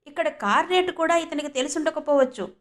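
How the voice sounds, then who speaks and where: A woman's voice: high-pitched, fairly quick, fairly bright tone, voice pushed up. A woman voicing a scornful male security guard who mocks. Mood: mocking. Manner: mocking.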